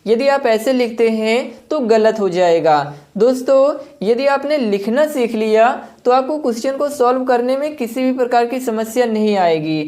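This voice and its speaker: A woman's voice: on the high side, a little mellow. A woman teaching arithmetic step by step, patient and addressing viewers as friends. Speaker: math teacher. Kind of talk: step-by-step classroom explanation.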